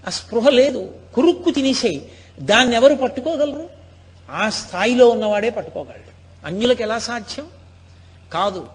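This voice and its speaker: A middle-aged man delivers a spiritual discourse in a high voice with a husky edge. He tells stories with emphasis and keeps asking rhetorical questions. His voice rings through a hall with a long echo. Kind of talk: religious discourse.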